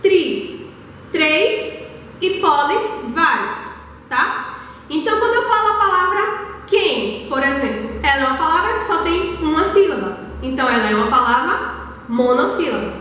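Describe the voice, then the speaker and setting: Brazilian woman, primary teacher, high voice, patient and slow, heavy hall echo, faint background hiss. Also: very animated, bright, forceful tone. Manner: patient, spells things out slowly, checks in with "tá?". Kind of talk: recorded lesson for young children. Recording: very echoey hall, voice far from the mic.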